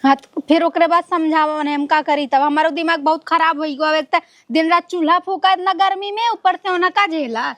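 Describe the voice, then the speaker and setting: A woman's voice: very high voice, normal speed, few pauses, a bit bright. A woman with an Awadhi accent playing a complaining young daughter-in-law in a village comedy sketch. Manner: complaining, exasperated.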